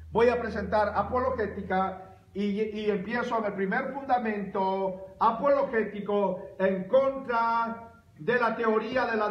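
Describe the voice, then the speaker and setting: A man with a high voice preaches a sermon in a church sanctuary, his words ringing around a roomy, echoey space. He delivers it with animated emphasis and bursts into loud exclamations. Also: muffled recording. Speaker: pastor.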